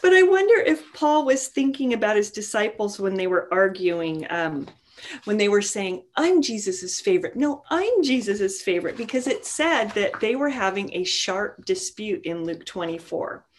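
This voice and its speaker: A woman's voice: medium pitch, lively intonation, normal speed. A woman giving an informal devotional talk to a women's group, earnest and chatty, with many "you know" asides. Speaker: women's Bible study teacher.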